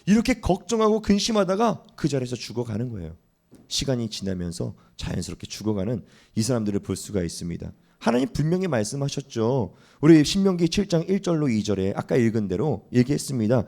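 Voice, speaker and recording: A man's voice: medium pitch, sing-song, a little fast, vocal fry, darkish tone. A male pastor preaching a Sunday sermon, telling the story and acting out the quoted voices. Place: church sanctuary.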